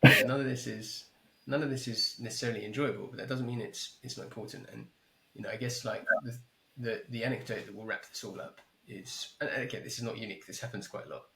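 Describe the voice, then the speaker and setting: A man with a heavily gravelly, creaky voice tells an anecdote as a podcast guest, acting out the back-and-forth with lively repetition. He is speaking over a remote call through a headset, and the sound has a roomy echo. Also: medium pitch, fast talker, hardly any pauses. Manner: animated, repeats himself, acts out both sides of conversations. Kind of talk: casual storytelling. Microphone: headphones with mic, remote call.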